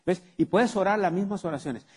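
A man's voice: high voice, a little fast, slightly rough. A male pastor preaching a sermon to his congregation and firing rhetorical questions at them. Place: church hall with a congregation. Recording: long hall reverb.

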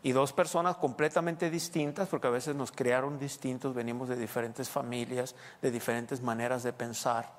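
A man's voice: mid-range voice, steady tone, normal speed, few pauses, in a large hall. A man from Sonora with a northern Mexican accent, preaching a storytelling sermon in a church, chatting with the congregation and tossing in tag questions.

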